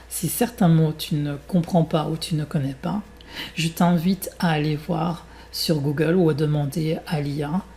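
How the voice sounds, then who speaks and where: Man, French accent, language teacher, slow careful delivery, dark gravelly tone. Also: a little high. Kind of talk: reading a tale and leading exercises.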